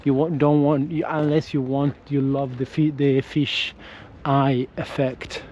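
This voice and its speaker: An Italian man, speaking English as a second language, vlogs casually while walking outdoors, recorded on an action camera with a windscreen. His voice is medium-pitched, flat, measured and darkish, and he hesitates often, restarting and correcting himself. The sound is lo-fi with slight background noise.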